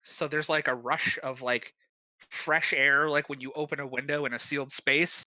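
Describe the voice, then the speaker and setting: Game master narrating, relaxed, lots of fillers, bright tone, dry close sound. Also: mid-range voice, normal speed, no room sound.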